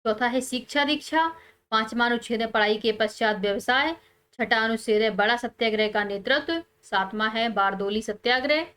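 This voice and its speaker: A woman teacher, calmly explaining textbook answers step by step and pausing on key words. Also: a little high, smooth.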